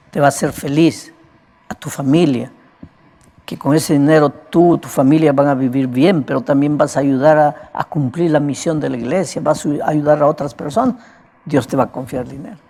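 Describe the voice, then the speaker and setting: A male evangelist preaching a sermon in a cracked, broken voice, talking conversationally and often turning to his listeners with a quick "right?". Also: a little high, dark tone. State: prone to coughing.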